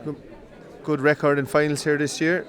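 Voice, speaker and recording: A man calls greyhound coursing live from an outdoor field. His voice sits fairly high and turns brisk and excited as the dogs run. A faint crowd murmurs behind him. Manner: brisk, rising with excitement during the runs. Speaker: race commentator.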